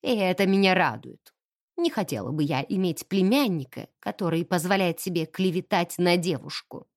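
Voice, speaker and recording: A woman's voice: fairly low pitch, expressive, moderate pace, dry recording, studio quality, pitched below the performer's own voice. A woman voicing a haughty, stern old aristocratic lady who speaks coldly and imperiously, in an audiobook. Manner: cold, clipped, imperious.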